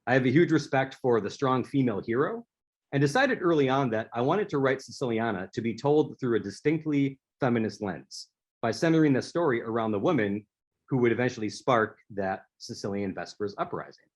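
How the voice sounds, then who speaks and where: Man, author talk, husky, storytelling delivery, occasional restarts. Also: mid-range voice, expressive, fairly quick. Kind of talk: prepared speaker-series presentation.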